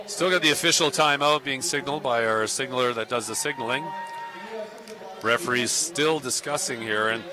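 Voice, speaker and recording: A man's voice: mid-range voice, bright, forceful tone. A man doing play-by-play of a roller derby bout from a parked truck at the venue, easygoing and conversational. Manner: easygoing, with small restarts. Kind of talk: live sports play-by-play.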